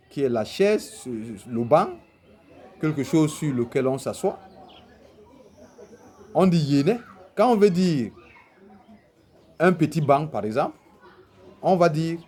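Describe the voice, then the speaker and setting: Slow, deliberate man teaching. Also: on the high side, mellow. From Cameroon. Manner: deliberate, poses rhetorical questions and answers them. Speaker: teacher of traditional spirituality. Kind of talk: explanatory teaching talk.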